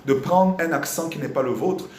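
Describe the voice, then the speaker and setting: A man from Congo teaching a singing lesson, explaining with lively repetition and breaking into sung examples. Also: fairly high pitch, normal speed, roomy sound, slight background noise. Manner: animated, repeats phrases while explaining. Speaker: vocal coach.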